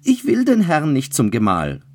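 A terrified young bride from a spoken fairy tale, sobbing and begging to be let go. The sound is dry and close. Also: male voice, on the high side, wildly swooping pitch, moderate pace, no room sound, pitched above the performer's own voice, heavily acted. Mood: desperate. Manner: sobbing, desperate pleading.

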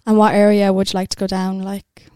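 A woman's voice: mid-range voice, completely flat delivery, a little fast, warm tone, smooth, no echo, clean studio sound. A young woman with an Irish accent, hosting a podcast and asking questions in a casual interview style. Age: young adult. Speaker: podcast host.

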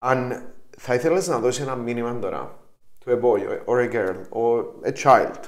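A man with a Cypriot Greek accent hosting an interview, speaking haltingly and often switching into English phrases. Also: mid-range voice. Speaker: podcast host, interviewer. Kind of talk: conversational interviewing. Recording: roomy, echoey sound.

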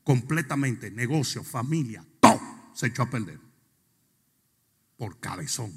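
A male pastor preaching a sermon. He swings from quiet asides to shouted, sing-song preaching. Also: mid-range voice, expressive, unhurried, husky. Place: church sanctuary. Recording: long reverb of a church hall.

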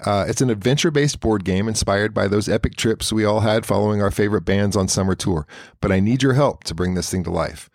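A man's voice: on the low side, brisk, dry recording, clean studio sound. A man hosting a podcast, reading an intro and promotion in an earnest, upbeat way. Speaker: podcast host. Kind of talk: scripted podcast intro and sponsor read.

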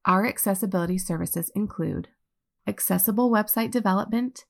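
A woman giving a measured, informative scripted narration for a company. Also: medium pitch, gravelly.

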